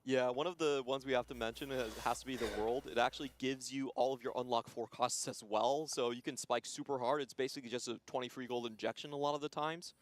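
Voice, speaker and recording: A man's voice: mid-range voice, steady tone, quick pace, hardly any pauses. A man doing live esports commentary in a chatty, easygoing way. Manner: chatty, laughs easily. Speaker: esports caster.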